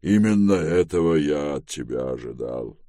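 A man reading a calm, approving elder. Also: a bass voice, moderate pace, dry recording, clean studio sound. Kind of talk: audiobook dialogue reading.

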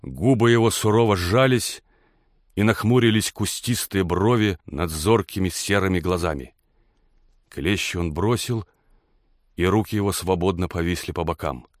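A man reads a story aloud in a measured, expressive way. His voice sits very low. The recording is dry and close, with no room sound. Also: dry recording. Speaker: audiobook narrator. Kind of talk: scripted narration.

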